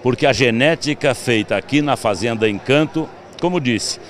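A Brazilian man in his fifties speaks as an interviewed expert at an outdoor event. His voice is mid-pitched for a man and picked up by a handheld mic. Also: normal speed. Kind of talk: on-location interview. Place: outdoor evening livestock fair. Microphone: handheld reporter's microphone.

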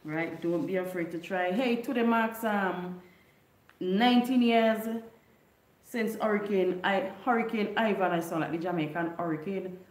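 Here a middle-aged Grenadian woman with a Grenadian Creole English accent runs a casual livestream from her living room under neon lights, chatting, retelling a folk story and reading comments from viewers. She talks a little slowly at medium pitch into a desk mic on a stand, and the sound is roomy.

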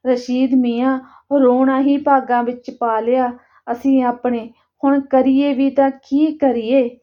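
Woman reading a tearful father, begging, high voice, storybook reading. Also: level tone, unhurried, lo-fi sound. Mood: pleading. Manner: pleading, tearful. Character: Janta, pleading Sikh man, grieving father.

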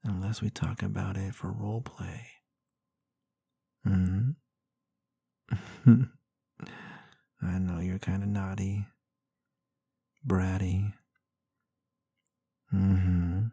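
Man acting as a tender protective boyfriend, ASMR role-play, very dark soft tone, slow, breathy, husky, intimate bedtime murmur. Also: low voice, level tone, no room sound, exaggerated voice. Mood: teasing, intimate. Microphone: close microphone in a dry space.

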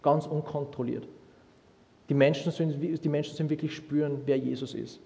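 A young man preaching a sermon, lively and humorous, with many restarts as he tells stories. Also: a little high, moderate pace, vocal fry. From Austria. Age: young adult. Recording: long hall reverb.

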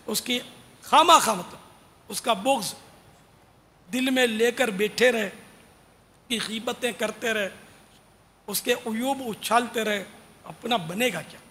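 A man with a high, gravelly voice delivers an earnest, informal sermon to devotional singers, slipping in casual asides as he urges them on. His voice carries a long reverb, as if from a large hall. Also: long pauses, bright, forceful tone. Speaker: religious preacher.

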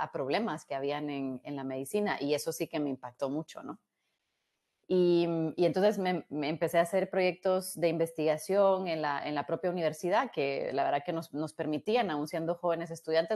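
A woman in her thirties with a Guatemalan Spanish accent tells her career story in a relaxed, reflective way, often restarting words and adding tag questions. Her voice is low-pitched. The casual storytelling comes through an earbud headset on a video call from a small room.

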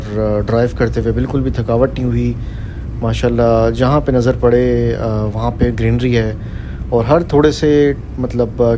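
Travel vlogger, man, 30s, chatty, phone mic, clear road noise. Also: mid-range voice. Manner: chatty, often repeats blessing phrases and fillers. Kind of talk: casual travel narration. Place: outdoors by a rural road and inside a moving car. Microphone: phone camera at arm's length. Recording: road and car noise behind.

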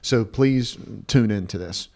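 Measured in pace, with a lowish, mellow voice, a man in his fifties co-hosts an advice podcast. He's in a small indoor studio, close to a stand-mounted podcast mic. His delivery is blunt and emphatic, full of repeated phrases and "right?" check-ins.

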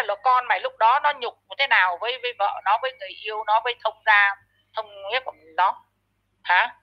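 A woman with a high voice rants in a commentary video, heaping harsh insults and tripping over repeated words as she scolds. The audio is dull and lo-fi. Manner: frequent stammered repeats. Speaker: online commentator. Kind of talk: ranting commentary vlog.

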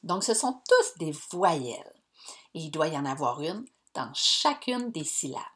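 A woman, teaching young pupils in a slow, clear, encouraging way. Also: sits low, big pitch swings, a bit bright. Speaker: primary school teacher. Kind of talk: recorded lesson for young pupils.

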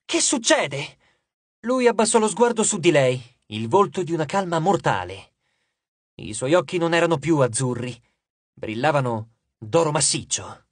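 A male audiobook narrator tells the story with dramatic flair, his pitch rising and falling widely. His voice sits a little high with a husky texture. He is recorded close on a studio microphone in a dry booth. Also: lively intonation, normal speed, dry recording.

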